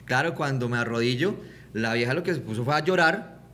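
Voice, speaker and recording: Bright-voiced Colombian man telling a story. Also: mid-range voice, brisk, a little hiss or hum. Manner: animated, laughs often, acts out voices in his anecdotes. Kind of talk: casual podcast storytelling.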